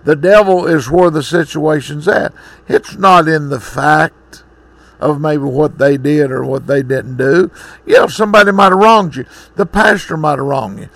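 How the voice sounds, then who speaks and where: A man's voice: a little high, normal speed, gravelly, fairly bright tone, no room sound. A man preaching a sermon, reading scripture and then exhorting in a folksy way.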